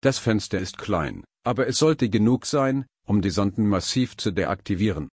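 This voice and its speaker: A man reading the lines of a calm male scientist leading a mission, measured and urgent. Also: on the low side, breathy edge, dry recording, clean studio sound, exaggerated voice.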